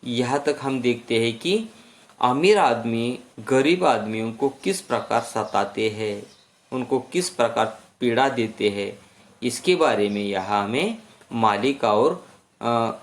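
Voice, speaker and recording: A man teaching a story lesson who explains slowly and checks in with "hmm?". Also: mid-range voice.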